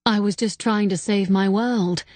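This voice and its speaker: A woman's voice: medium pitch, steady tone, measured pace, a little mellow, dry recording, lightly acted. A woman voicing a blunt, wry young heroine in an audiobook reading. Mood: plain. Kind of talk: audiobook character voice.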